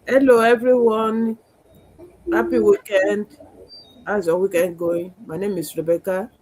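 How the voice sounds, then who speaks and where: A woman's voice: mid-range voice, steady tone, unhurried, a little mellow, a little hiss or hum, rough recording. A woman from Nigeria, a panelist giving a brief, friendly introduction on a live stream. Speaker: panelist, chef.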